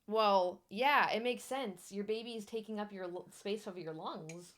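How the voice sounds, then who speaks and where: A woman's voice: medium pitch, measured pace, a bit bright. Young Wisconsin woman, candid and teasing. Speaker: livestream host. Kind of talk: casual livestream chat.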